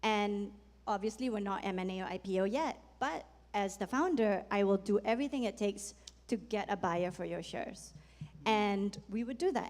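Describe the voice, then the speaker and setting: A woman's voice: a little high, a little mellow. A woman who founded a company, talking frankly and conversationally on a panel. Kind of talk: panel discussion. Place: conference hall. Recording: long reverb in a conference hall.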